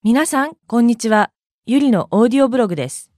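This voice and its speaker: A woman from Hyogo, Japan, hosts an audio blog and reads a scripted language lesson. She explains each point clearly, with a fairly high voice and a very animated pitch. The sound is dry and close to the mic. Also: quick pace, dry recording. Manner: clear, explanatory, reading examples aloud.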